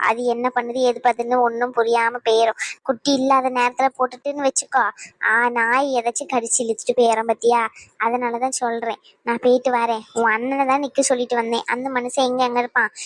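Chatty middle-aged village aunties give homely advice and comfort, all voiced by one woman. The voice sits high and is recorded close and dry, with no room sound. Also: no room sound, lightly acted. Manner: homely, advising, consoling. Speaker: voice actor. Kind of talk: cartoon voice acting.

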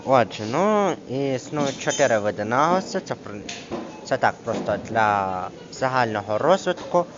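A man's voice: medium pitch, animated. Hesitant man tutoring, lo-fi recording. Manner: hesitant, with many fillers, reads examples slowly. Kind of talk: casual one-on-one grammar lesson. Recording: dull lo-fi screen recording with clear background noise.

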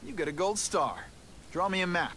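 A man's voice: high-pitched, brisk, pushed and bright. An actor playing a cocky young male superhero in a video game, tossing off sarcastic quips. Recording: game audio with crowd noise.

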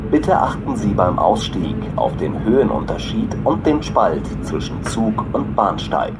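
Deep, slow male train announcer over the intercom. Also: very animated, loud music behind the voice, low-quality recording. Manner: formal, measured station-by-station delivery over the intercom. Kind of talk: scripted passenger announcement. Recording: train intercom recorded amid loud vehicle noise. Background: loud train running noise.

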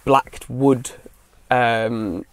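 A man's voice: medium pitch, fairly even intonation, drawn-out words. A man co-hosting a podcast, easygoing in casual chat and telling anecdotes. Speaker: podcast co-host.

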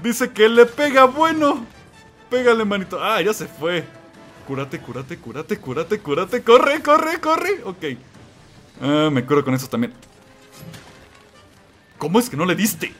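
A man narrates his own gameplay in a high, bright voice that swings widely in pitch, though his pace is unhurried. He keeps yelling and exclaiming at the game and talking straight to the monster. Faint music plays underneath. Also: expressive. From Mexico. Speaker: gamer playing and commenting. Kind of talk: excited let's-play commentary.

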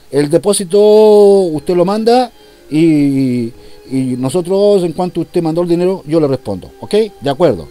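A man's voice: sits high, mellow. A man performing a comic monologue as a police commissioner taking a phone call, in a mock-formal, polite manner.

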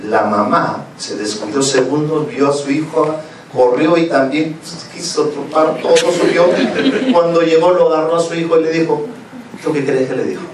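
A man lectures a crowd, acting out little scenes and asking listeners questions. He is captured from a distance in a reverberant hall. There is steady noise behind his voice. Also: a little high, moderate pace. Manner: animated, questions the audience, acts out scenes. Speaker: conference speaker. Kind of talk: lecture with acted-out stories. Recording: echoey hall from far off, noisy.

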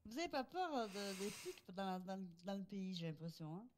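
Woman, calm, gently correcting, roleplay chat, mid pitch. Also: normal speed, a crowd in the background. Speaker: roleplay player.

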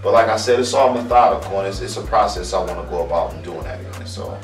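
A man in his thirties from Akron, Ohio, a barber answering interview questions in a calm, earnest way, often repeating words as he searches for them. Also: on the low side, fast. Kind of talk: casual interview. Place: small room indoors. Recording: roomy, distant mic, faint music.

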